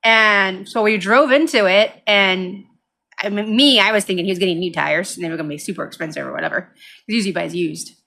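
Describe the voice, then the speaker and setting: A woman's voice: mid-range voice, fast, vocal fry, bright, forceful tone. A woman hosting a casual, unedited gaming vlog, giggly and cutesy, often slipping into baby talk. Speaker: gaming channel host.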